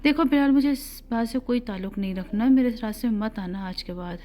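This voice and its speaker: A woman's voice: a little high, mellow, lightly acted. A woman voicing a spirited, headstrong young village daughter in an audiobook story, blunt and forthright. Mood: firm.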